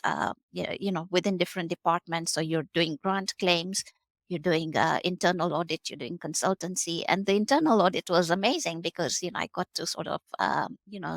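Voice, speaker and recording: A Kenyan woman in her forties, an R&D tax specialist, appears as a guest on a podcast interview. Her fairly low voice carries vocal fry, and she talks hesitantly with many fillers and restarts. The recording is dry.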